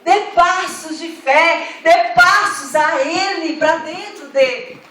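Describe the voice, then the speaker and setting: High-voiced woman preaching in an echoey hall. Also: slow, a bit bright, recorded from a distance. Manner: fervent, builds to emphatic calls to the congregation. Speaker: pastor. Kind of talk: sermon. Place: church hall.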